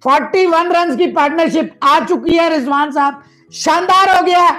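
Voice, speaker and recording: A man's voice: very high-pitched, moderate pace, bright, forceful tone, faint music behind, rough recording. A man from Pakistan, giving emphatic cricket analysis over a video call and mixing in English phrases. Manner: emphatic, mixes English phrases, repeats words for stress. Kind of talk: cricket debate commentary.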